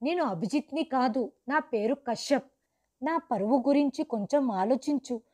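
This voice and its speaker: A woman's voice: sits high, normal speed, dark tone. A woman voicing a rich, arrogant man who scolds and brushes people off curtly in a storybook. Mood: dismissive, irritated. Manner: curt and scolding.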